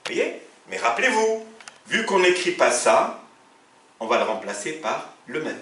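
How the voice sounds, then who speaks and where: In an echoey room with the mic far off, a man teaches Arabic in French to a class, explaining grammar. His voice is on the high side, fairly bright and sing-song, a little slow. He often tells students to look and asks them questions, then answers himself.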